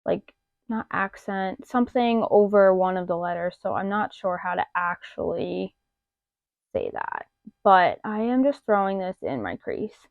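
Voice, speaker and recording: A woman vlogging about makeup in a chatty, expressive, rambling way, with a slight lisp. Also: medium pitch, a little slow, creaky, no echo. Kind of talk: casual chat. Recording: dull lo-fi dry sound.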